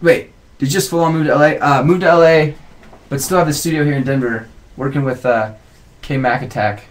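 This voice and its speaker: A young man in his twenties, with a fairly high, steady voice and a slightly quick pace, chats casually on a live webcam stream. He reads viewer comments aloud from his indoor home music studio, picked up by the webcam mic.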